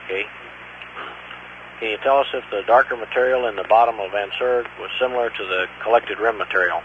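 A somewhat low-voiced man asks short, businesslike questions over the radio. The sound is thin and phone-like, with a clear hum running underneath. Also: brisk. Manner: brief, matter-of-fact questioning. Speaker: mission control radio operator. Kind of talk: radio communications, brisk questions. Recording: tinny radio link with loud hum.

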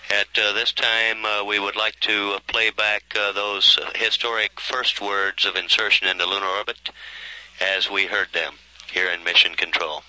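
A man giving live spaceflight commentary as a mission control announcer, halting with very frequent pauses and uhs. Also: fairly low pitch, level tone, pushed and bright, smooth, no room sound, low-quality recording.

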